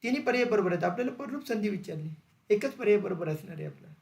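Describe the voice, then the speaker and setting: High-voiced, gravelly male teacher. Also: animated. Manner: asks questions and repeats answers slowly. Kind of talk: exam-prep grammar lesson. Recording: echoey room.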